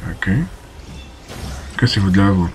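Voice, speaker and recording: A man's voice: low voice, steady tone, a little slow, faint music behind. A man giving casual let's play commentary, chatty and talking to himself, exclaiming and cursing as he fights. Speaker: gameplay commentator.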